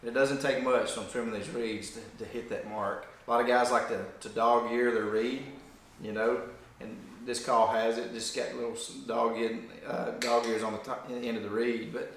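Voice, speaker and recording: Speaking at a normal speed with little pitch movement, a mid-range male voice gives a casual, folksy hands-on explanation of hunting calls as a duck call demonstrator. Strong echo fills the room.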